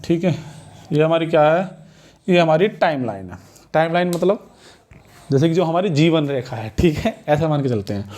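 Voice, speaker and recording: A man's voice: high-pitched, a little mellow. A man teaching an exam-prep math lesson, often asking the class a question and then answering it himself. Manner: repeats questions back to the students; checks understanding with "ठीक है" and "समझ में आया".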